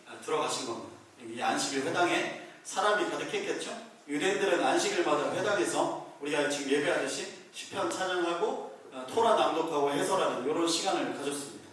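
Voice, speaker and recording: A male pastor giving a conversational sermon, telling the story in a lively way and acting out the scenes. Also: a little high, slight background noise. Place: small church room. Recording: very echoey room, mic far off.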